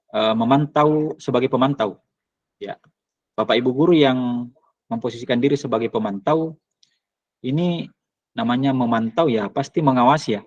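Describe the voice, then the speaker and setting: Man, teacher training talk, hesitant, breathy, dry muffled recording. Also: mid-range voice, no room sound. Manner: hesitant, many fillers. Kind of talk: presentation to teachers. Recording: dull lo-fi recording.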